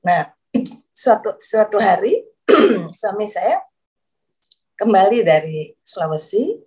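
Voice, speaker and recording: A woman's voice: mid-range voice, very animated, slow pace, a little mellow. A woman giving a personal testimony in a casual, hesitant way, repeating herself and searching for words, growing emotional as she speaks. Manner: emotional, voice rises when moved. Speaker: guest giving a conversion testimony.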